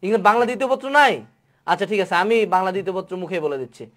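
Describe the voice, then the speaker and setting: Young tutor, rapid-fire delivery, playful, rhetorical questions, English words mixed in. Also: medium pitch, lively intonation. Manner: mixes English words into Bengali. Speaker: online tutor. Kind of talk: webinar lecture.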